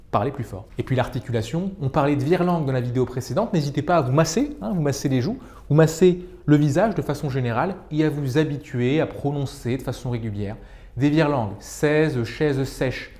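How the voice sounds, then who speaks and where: Man, middle-aged, public speaking coach; somewhat high-pitched, expressive delivery that swings between slow and fast. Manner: expressive, demonstrates exercises with varied pace and volume. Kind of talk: video lesson.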